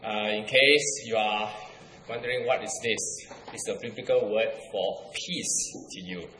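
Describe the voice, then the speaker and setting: A man's voice: fairly low pitch, measured pace, bright, forceful tone, a little hiss or hum. A middle-aged man from Singapore with a Singaporean accent, preaching a sermon as a guest pastor, with light humor. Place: church hall. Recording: echoey church hall.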